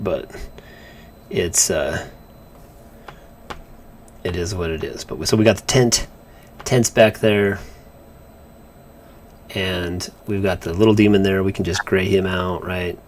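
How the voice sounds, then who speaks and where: A man with a lowish voice chats through a live drawing session. He rambles, repeats words and restarts his sentences. Faint noise sits under his voice. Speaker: comic artist co-host. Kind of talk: casual chat while drawing on a livestream.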